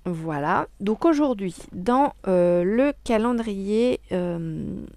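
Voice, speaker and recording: A woman talks casually at her home craft desk, cheerful and enthusiastic but often pausing on filler sounds. Her voice sits at an ordinary pitch for a woman. The sound is dry and close, with no room echo. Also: lively intonation, darkish tone. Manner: chatty, hesitant, many filler sounds. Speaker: crafting vlogger. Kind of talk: casual crafting vlog chat.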